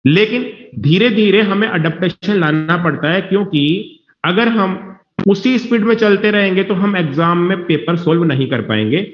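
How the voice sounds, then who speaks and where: Teacher guy, highish voice, keeps checking if the class gets it, roomy muffled recording. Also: normal speed. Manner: reassuring, repeats himself, checks whether students follow. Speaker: biology teacher. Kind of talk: classroom lecture. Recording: dull, echoey classroom recording.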